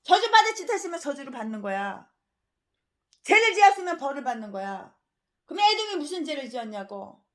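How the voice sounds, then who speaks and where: A woman in her sixties preaching a sermon as a pastor. She rants scornfully, fires off rhetorical questions and swings between loud outbursts and low mutters. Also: big pitch swings, fairly quick. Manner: fiery, ranting, scornful.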